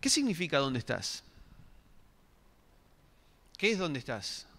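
Huge pitch swings mark the fairly high, slightly bright voice of a middle-aged pastor giving an interactive sermon at a slow pace. He puts questions to the congregation and restarts often, with the long reverb of a church hall behind him.

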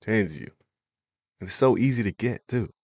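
A man's voice: lowish voice, expressive, moderate pace, darkish tone, a little hiss or hum. Laid-back man reacting with slang. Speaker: reaction video host. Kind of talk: casual reaction commentary.

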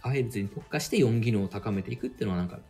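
A man hosting a podcast, casually giving step-by-step study advice and filling his pauses with little hesitations. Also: fairly low pitch, dark tone, faint music behind. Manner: explains step by step with many fillers. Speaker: podcast host and language mentor.

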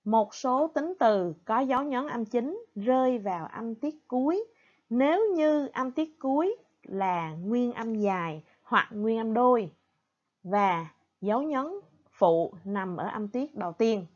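A woman teacher with a Vietnamese accent talks through an online lesson at a slow, deliberate pace, her voice sitting a little high. She says each point in English, then again in Vietnamese. The recording sounds dull and lo-fi. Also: expressive, darkish tone. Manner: careful, slow delivery.

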